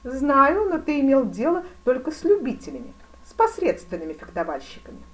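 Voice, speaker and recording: Woman voicing a loud, excitable grand duke. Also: high-pitched, brisk, pitched above the performer's own voice. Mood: demanding. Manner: loud, commanding, excitable shouts. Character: imperious hot-tempered grand duke, adult man. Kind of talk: audiobook character reading.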